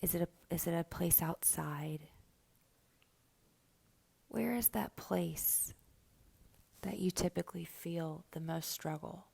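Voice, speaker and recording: A woman guides a meditation very slowly and gently, with long pauses between her instructions. Her voice sits on the low side and is soft and mellow, often close to a whisper, with audible fry at the edges and fairly even intonation.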